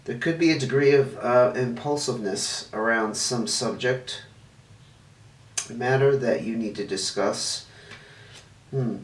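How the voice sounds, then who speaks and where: Chatting and thinking aloud as he lays out cards, a tarot reader gives a casual reading to camera on his own channel. His medium-pitched voice moves at a measured pace with frequent pauses, he's a little stuffy and sniffling, and the distant mic sounds roomy with faint noise.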